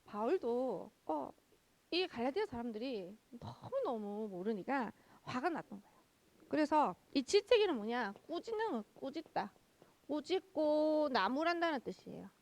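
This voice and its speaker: A young woman pastor giving a children's sermon, lively, asking the kids questions and answering them herself. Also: high voice, unhurried.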